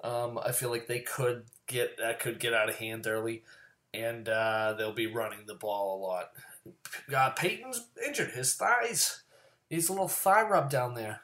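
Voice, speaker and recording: A man giving casual solo football picks, profane and rambling, often swinging from a low mutter into loud, high-pitched rants. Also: unhurried. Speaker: fantasy football commentator.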